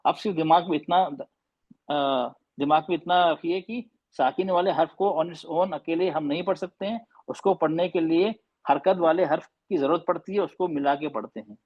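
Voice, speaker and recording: A man with a high voice teaches a class. He is patient, asks questions and goes over each point again, with English terms mixed in. The recording sounds a little dull. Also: moderate pace. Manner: mixes Hindi with English terms. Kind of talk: classroom lesson.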